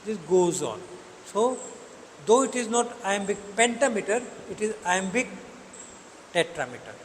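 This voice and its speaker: Slow, deliberate teacher. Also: male voice, high voice, very animated, in a large hall, slight background noise, poor audio. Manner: mixes Hindi and English, checks understanding often; slow, deliberate, spells words out. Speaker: English literature teacher. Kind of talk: classroom poetry lecture.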